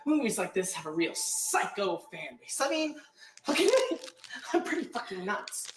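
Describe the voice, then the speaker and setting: A man's voice: high-pitched, big pitch swings, normal speed, slight background noise. A young man playing a gloating, unhinged, fame-obsessed teenage killer in a horror fan film, theatrical and taunting. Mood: manic, taunting. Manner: taunting, theatrical, foul-mouthed. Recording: roomy film sound under loud music.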